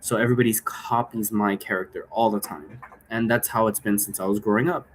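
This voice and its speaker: Brisk and steady, the game creator and presenter talks in a voice on the low side, rambling casually through an impromptu explanation and throwing out rhetorical questions. A little background noise can be heard.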